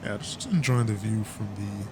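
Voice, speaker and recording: A man's voice: lowish voice, lively intonation, normal speed, darkish tone, soft background music. A man giving casual, chatty commentary over a flight simulator session, stumbling now and then with fillers. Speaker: flight sim YouTuber.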